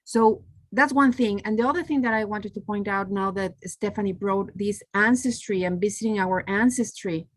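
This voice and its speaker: A woman from Mexico telling a personal story in a casual group discussion, lively when she quotes others. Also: mid-range voice, moderate pace, hardly any pauses. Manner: storytelling, animated when quoting. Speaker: meetup participant.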